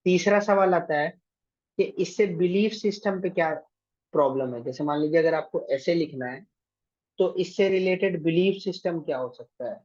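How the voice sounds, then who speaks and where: A man's voice: a little high, moderate pace, darkish tone, muffled recording. Man teaching an online exam class. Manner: directive, keeps checking with "thik hai".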